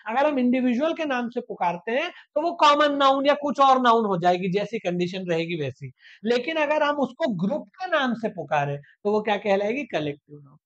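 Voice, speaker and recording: Patient teacher giving a dull lo-fi lecture. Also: medium pitch. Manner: asks rhetorical questions and answers them; repeats points patiently, step by step. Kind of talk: online exam-prep grammar lecture.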